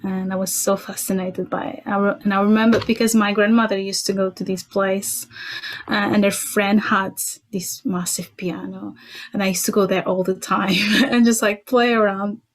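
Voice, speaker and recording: A woman's voice: mid-range voice, little pitch movement, normal speed. A young woman from Portugal, a native Portuguese speaker, talking casually as a podcast guest, thoughtful with many fillers and restarts. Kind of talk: casual interview chat.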